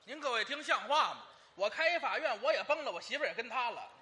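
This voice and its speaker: A man's voice: extremely high pitch, expressive, fast talker, pushed and bright. A man playing the blustering straight man in comic banter, arguing back and forth. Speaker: comic partner.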